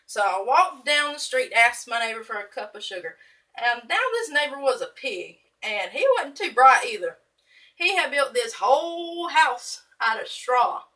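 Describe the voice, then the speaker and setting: A woman's voice: fairly high pitch, animated, moderate pace, bright, forceful tone, distant mic, rough recording. A woman voicing a male storybook wolf who tells his story with dramatic, indignant asides and excuses, like a read-aloud for children. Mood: confiding, self-excusing. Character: male storybook wolf, aggrieved, self-excusing, theatrical narrator.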